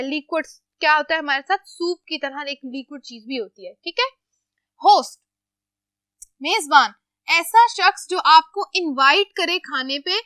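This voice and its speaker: High, bright-voiced woman teaching vocabulary. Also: no echo, clean studio sound. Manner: explains words slowly, asks questions and answers them herself; mixes English words into Urdu explanations. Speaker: English teacher. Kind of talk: classroom vocabulary lesson.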